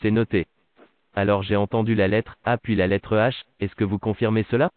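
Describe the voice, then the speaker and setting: A fairly low, flat synthetic male voice plays a customer service voicebot, reading polite, formulaic prompts at normal speed. The phone line sounds tinny and dry.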